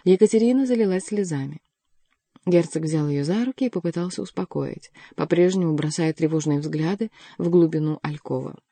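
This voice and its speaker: A woman reads a historical novel aloud in an even, measured way. Her voice is low and mellow, and the recording is close and dry. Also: no echo. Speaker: audiobook narrator. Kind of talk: scripted narration.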